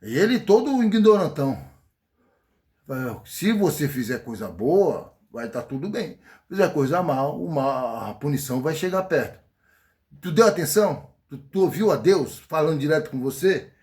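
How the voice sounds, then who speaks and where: A man's voice: on the high side, sing-song, moderate pace, a little mellow. A man with a Brazilian accent preaching an informal sermon in a folksy, joking way, acting out scenes. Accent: Brazilian Portuguese. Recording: echoey room.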